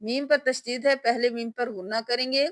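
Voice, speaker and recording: A woman teaching Quran reading in a tajweed lesson, spelling out each letter and then reciting the word slowly and drawn out. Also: a little high, fairly even intonation, no room sound.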